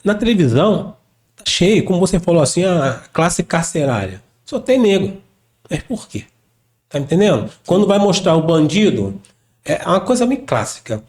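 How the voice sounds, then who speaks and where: A man with a Brazilian accent, a podcast guest talking in an animated, insistent way. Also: high-pitched, normal speed. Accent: Brazilian Portuguese. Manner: animated and insistent, mimics others while telling stories. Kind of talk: casual conversation.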